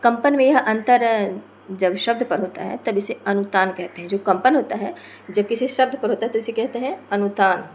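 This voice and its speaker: A woman teaching a lesson, reading from notes, slowing to spell out example words and correcting herself as she goes. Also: a little high, slight background noise. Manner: corrects herself mid-phrase.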